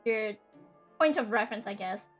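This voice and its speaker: A woman's voice: on the high side, moderate pace. A young woman streamer chatting casually and rambling with lots of fillers. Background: faint background music.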